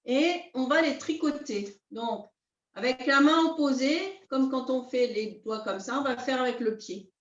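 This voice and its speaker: A woman teaching a beginners' qi gong class, calmly guiding her students step by step. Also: sits high. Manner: calm, unhurried, step-by-step guidance. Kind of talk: guided class instruction. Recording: roomy, distant, dull sound.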